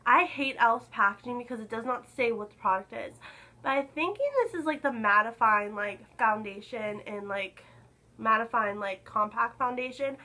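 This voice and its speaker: A young woman vlogger chatting casually to camera about makeup, a little hoarse from being sick, filling her talk with "like.". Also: fairly high pitch, normal speed, pushed and bright, rough recording. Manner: chatty, lots of "like" fillers. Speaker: beauty vlogger.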